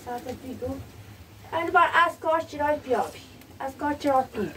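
A woman's voice: high voice, expressive, bright, forceful tone. A woman in casual back-and-forth chat while doing chores in a rural home. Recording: distant mic with clear background noise.

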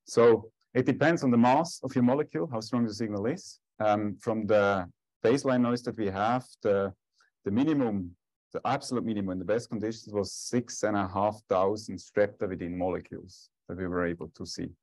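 A man's voice: fairly low pitch, a little fast, darkish tone. A man giving a technical talk and answering questions as a scientist at a conference. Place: conference lecture room.

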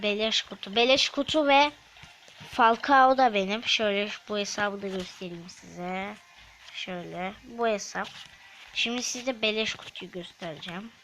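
A woman's voice: mid-range voice, a bit bright, poor audio. A woman hosting a gaming channel, commentating her play in a chatty manner and snapping at opponents. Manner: chatty, quick to snap at opponents. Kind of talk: game commentary. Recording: faint background noise.

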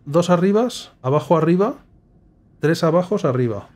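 A man's voice: on the high side, moderate pace. Man muttering through a puzzle game. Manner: thinks aloud, muttering clues, sudden excited exclamations. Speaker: gameplay streamer. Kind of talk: casual puzzle game commentary.

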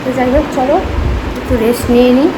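A woman's voice: high voice, normal speed, very noisy. A woman, chatting casually through a home vlog, rambling with many fillers. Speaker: vlogger.

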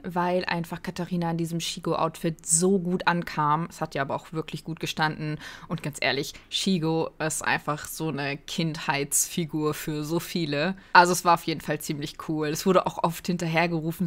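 A young woman with a fairly low voice narrates her vlog in a relaxed, chatty voice-over. She recaps the day at an easy, unhurried pace. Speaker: vlogger narrating.

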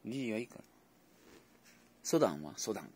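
A man's voice: fairly low pitch, sing-song, fairly quick, a little mellow, slightly rough. A man casually chatting to his pet dogs at home, playful and coaxing as he goes. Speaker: vlogger predicting a horse race with his dogs. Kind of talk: casual chat to pets.

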